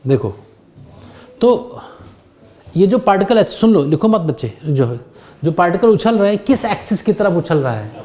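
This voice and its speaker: A man's voice: high-pitched, very animated, normal speed, long pauses, dark tone. A male physics teacher giving a classroom lecture, patiently quizzing his students as he works through problems.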